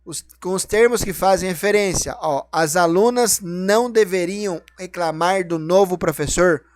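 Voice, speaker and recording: A man's voice: high voice, normal speed. A man teaching a grammar lesson, explaining each rule and then asking and answering his own questions.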